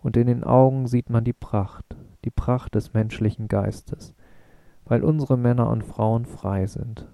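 Guy reading a brooding moon man pleading his case, super dark voice, dry sound. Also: mid-range voice, steady tone, normal speed, creaky, hardly any pauses, no room sound, lightly acted. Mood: bitter, impassioned. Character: Schewek, a grave young man from the moon.

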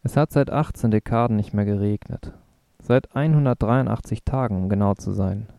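A man's voice: lowish voice, normal speed, gravelly, mellow, no room sound, clean studio sound. A man reading the part of a worried male ecologist who speaks in a serious, matter-of-fact way.

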